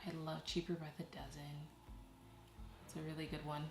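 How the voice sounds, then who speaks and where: A woman from Haiti chats casually to camera as she works on a craft, her voice sitting on the low side. She laughs easily and lets her sentences trail off. The room around her is noticeably echoey. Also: little pitch movement, moderate pace, vocal fry, over music. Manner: chatty, laughs often, trails off. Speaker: vlogger. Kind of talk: casual chat while crafting.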